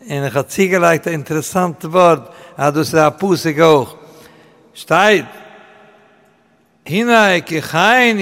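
Gravelly older rabbi spinning anecdotes. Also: male voice, fairly high pitch. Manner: animated, chuckling, acts out quoted voices. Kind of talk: anecdotal storytelling. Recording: echoey hall reverb.

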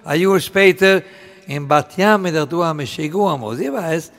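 An older man, a rabbi, telling anecdotes in an animated way, chuckling often and acting out the voices of the people in his stories. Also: fairly high pitch, measured pace. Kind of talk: anecdotal storytelling. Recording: echoey hall reverb.

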